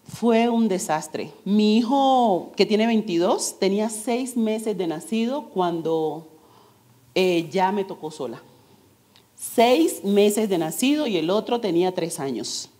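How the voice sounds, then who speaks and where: A woman's voice: mid-range voice, lively intonation, slow, mellow. A woman in her forties giving a testimony sermon to her congregation, earnest and direct, asking rhetorical questions.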